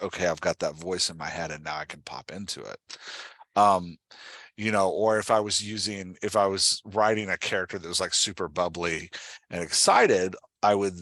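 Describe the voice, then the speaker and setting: A podcast host and writing coach leads a conversational coaching interview in a low, fairly bright voice with no echo. He explains through examples and often checks that he's being understood.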